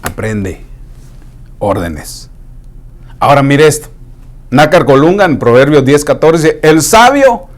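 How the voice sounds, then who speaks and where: A man preaching a sermon in a conversational way, dropping into hushed asides to act out what people say. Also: fairly high pitch, big pitch swings, slow pace, long pauses.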